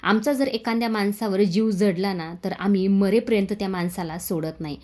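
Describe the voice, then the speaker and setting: A woman's voice: mid-range voice, moderate pace, mellow, natural voice. A woman doing a firm, suspicious young man. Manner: firm, earnest.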